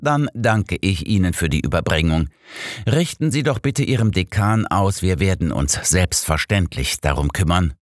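A man voicing a sharp, know-it-all older detective who lectures his friend with smug superiority. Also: low-pitched, lively intonation, normal speed, dry recording, studio quality, pitched above the performer's own voice. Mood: lecturing.

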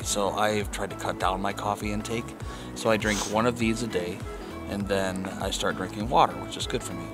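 A middle-aged man chatting casually outdoors in the snowy woods, giving brief, laid-back replies. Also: fairly low pitch. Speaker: co-host. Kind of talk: casual chat.

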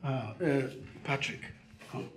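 Man playing a placating Nigerian uncle, slightly high voice. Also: lively intonation, normal speed, background noise, close to an everyday voice. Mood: soft reassuring. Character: harried, well-meaning middle-aged uncle. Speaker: actor. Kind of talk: naturalistic film acting. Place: roomy indoor clinic waiting area. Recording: roomy sound with faint music.

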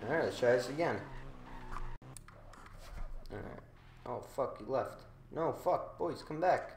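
A man's voice: mid-range voice, lively intonation, a little slow, a little mellow. Slangy frat-bro young man, roomy echo. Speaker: gamer recording a gameplay video. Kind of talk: casual gameplay commentary. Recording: roomy echo, engine noise behind. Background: racing game car sounds.

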